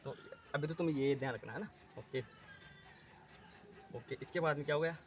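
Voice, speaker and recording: In a slightly high, fairly quick voice, a man teaches an exam-prep class, asking questions and supplying the answers himself. He speaks Hindi sprinkled with English terms.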